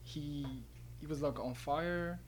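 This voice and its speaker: A man from Morocco talking in a casual radio interview, hesitant and filling pauses with like. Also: a little high, slight background noise. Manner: hesitant, many likes, flat delivery. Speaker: interview guest. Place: radio studio.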